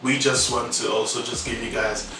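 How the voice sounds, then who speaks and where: Even-toned man from Congo, echoey podcast. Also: mid-range voice, normal speed. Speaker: podcast co-host. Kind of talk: casual podcast chat. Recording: echoey room, distant mic, music behind.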